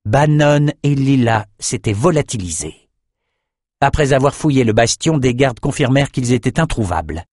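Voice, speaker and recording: A man narrating an audiobook in a measured, dramatic reading style. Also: medium pitch, animated, a little mellow, no room sound, clean studio sound. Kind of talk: scripted narration.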